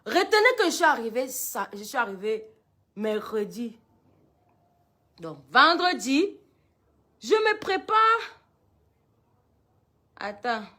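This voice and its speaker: A woman's voice: a little high, very animated, slow pace, long pauses, bright, forceful tone. A woman telling a story to her followers in a dramatic, emphatic way. She mixes English phrases into her talk.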